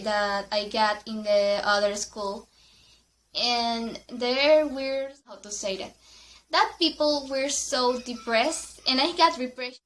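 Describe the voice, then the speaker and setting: Woman, storytime vlog, slow halting speech, frequent giggles, non-native English, bright voice. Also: a little high. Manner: halting, self-correcting, giggly, speaking English as a second language. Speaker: vlogger. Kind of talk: casual storytime.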